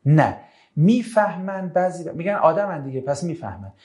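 A man's voice: a little high, big pitch swings, a little mellow. A man giving a religious lecture to an audience. He talks animatedly, fires off rhetorical questions and answers listeners' questions.

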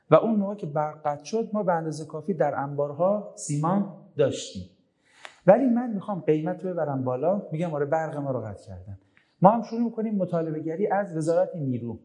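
Emphatic male lecturer, dark voice. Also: a little high. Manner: emphatic, rhetorical questions, acts out quoted voices. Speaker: university lecturer. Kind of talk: lecture to students.

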